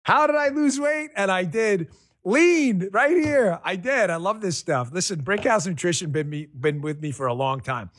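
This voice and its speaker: A man doing a host-read radio ad, animated and punchy, in a personal pitch. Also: normal speed, no echo, studio quality.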